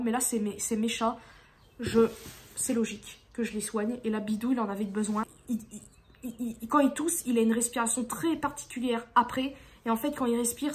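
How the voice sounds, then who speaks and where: High-voiced exasperated woman vlogger. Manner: exasperated, rambling, with frequent restarts. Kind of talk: casual venting vlog.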